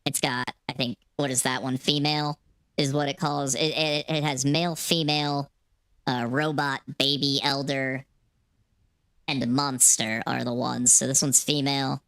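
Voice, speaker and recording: A flat, smooth synthetic woman's voice, a man using a voice changer with hardly any pitch movement. It sounds dry and close, with hesitant, casual phrasing. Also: unhurried, no room sound. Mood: explaining. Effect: voice changer, female preset.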